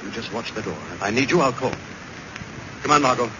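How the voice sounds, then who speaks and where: A man playing a confident, reassuring, take-charge gentleman detective in a 1940s radio drama. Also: medium pitch, a little fast, muffled recording, close to an everyday voice. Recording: very noisy 1940s radio recording.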